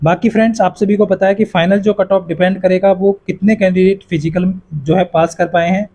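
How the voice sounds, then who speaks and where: Talking a little fast with fairly even intonation, a man with a high-pitched, dark voice casually breaks down exam cutoffs for students, calling them friends. The exam-prep YouTuber repeats reassurances and peppers his speech with "yahan par" and "jo hai."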